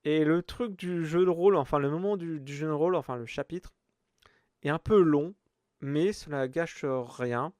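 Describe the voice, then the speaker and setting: A man with a somewhat high voice gives a casual video game review, rambling along with lots of hesitations and restarts. His sound is dry and close, with no room echo. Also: moderate pace, a little mellow. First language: French. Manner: rambling, many fillers and restarts.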